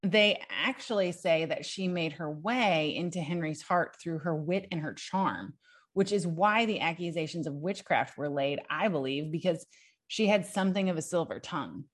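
A young adult woman, a podcast co-host, excitedly recounting history from notes in a casual chat, prone to giggles. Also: low-pitched, moderate pace.

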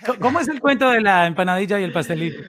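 A man's voice: high-pitched, lively intonation, very fast, a crowd in the background. A man from Colombia hosting a podcast, asking curious follow-up questions. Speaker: podcast host. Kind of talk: interviewing.

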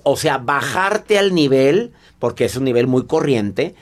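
A man, a guest psychologist giving advice on a radio show, acting out angry and calm voices and dropping to a soft low tone for the calm ones. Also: unhurried. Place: radio booth.

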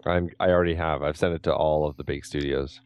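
Very deep movie trailer voice, man with cold. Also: steady tone, quick pace, darkish tone, smooth, no echo. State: has a cold. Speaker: podcast co-host. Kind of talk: casual chat.

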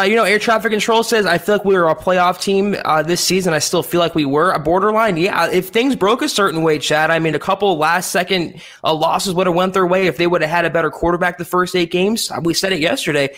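A man's voice: sits high, a bit bright. A man co-hosting a sports podcast, chatting casually with live viewers. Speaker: podcast co-host.

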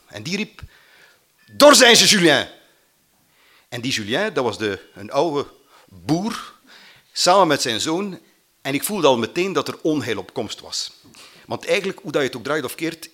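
A man telling a personal story, halting with fillers and acting out what people said. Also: medium pitch, a bit bright. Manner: halting, with many fillers, acts out quotes.

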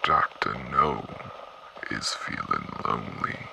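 A leering predator calling out over a crackly CB radio. His voice is extremely deep and gravelly, drawled out very slowly with wild swoops of pitch. Heavy static hiss sits under every word. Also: lively intonation, heavily acted. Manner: slow, leering, drawn-out taunts. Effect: voice heard over a crackly CB radio.

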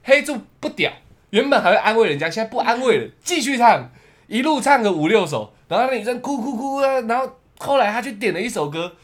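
A man's voice: very high-pitched, big pitch swings, quick pace, slight background noise. A man, telling a story in casual chat as a podcast co-host, swearing often and laughing as he talks.

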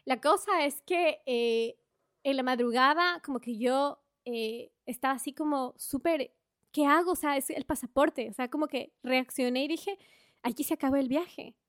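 High-voiced chatty woman. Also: moderate pace, dry recording, studio quality. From Ecuador. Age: 20s. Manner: animated, chatty, fillers like "o sea" and "tipo". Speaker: podcast guest, travel blogger. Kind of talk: casual storytelling in conversation.

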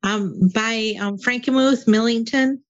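A woman calling in to a show, her voice coming through a dull, lo-fi call line. She talks slowly and haltingly, filling gaps with soft hesitations. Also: fairly high pitch, steady tone. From Michigan. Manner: hesitant, many "um" fillers. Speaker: radio show caller.

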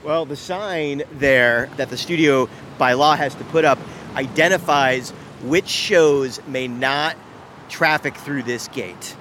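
A man's voice: mid-range voice, takes it slowly, bright, forceful tone. A man, a TV writer and strike captain, speaking casually in an interview on a picket line outside. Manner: casual, plain-spoken, with fillers. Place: outdoors by a studio gate on a city street. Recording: outdoor field recording with traffic noise.

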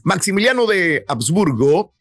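A man's voice: high-pitched, very animated, a little slow, fairly bright tone, no echo, clean studio sound. A man with a Mexican Spanish accent, hosting a comedic radio show and telling a history story with a playful, laughing manner. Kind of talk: comedic morning radio banter.

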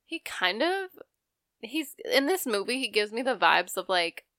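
A woman's voice: a little high, very animated, unhurried, a bit bright, no room sound, studio quality. A woman in her thirties co-hosting a podcast, talking casually and hesitantly, trailing off often. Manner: hesitant, trails off with likes and I don't knows. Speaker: podcast co-host. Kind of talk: casual chat.

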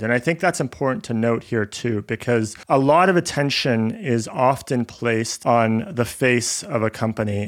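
A man who grew up in Canada, a scientist-entrepreneur guest on a podcast, giving measured, articulate, long-winded answers. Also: medium pitch. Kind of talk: casual interview talk.

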